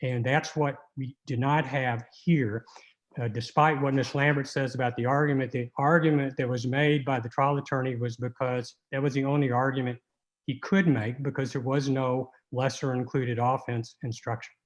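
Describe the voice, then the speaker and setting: A man giving an oral argument in court as an appellate lawyer, halting and argumentative, often repeating words. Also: medium pitch, fairly even intonation.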